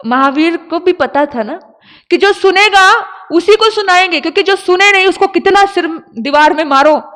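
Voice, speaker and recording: A woman's voice: extremely high pitch, moderate pace, fairly bright tone. A woman Jain nun preaching a sermon, telling a story dramatically and emotionally in a live hall. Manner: dramatic, emotional storyteller who shifts into song. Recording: long hall reverb.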